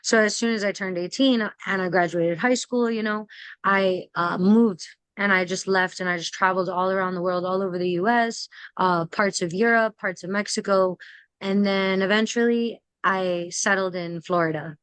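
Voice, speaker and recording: Smooth-voiced young woman from Massachusetts. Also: medium pitch, moderate pace, no room sound. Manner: relaxed, lots of "like" fillers. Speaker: host. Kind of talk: casual video call chat.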